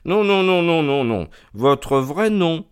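A man voicing a sharp male detective who speaks in a honeyed, self-assured way. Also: on the high side, lively intonation, slow pace, clear, resonant tone, pitched above the performer's own voice. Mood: suave.

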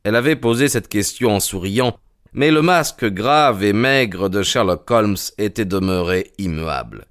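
A man reading an audiobook narration in an even, composed storytelling manner. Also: on the low side, a little slow.

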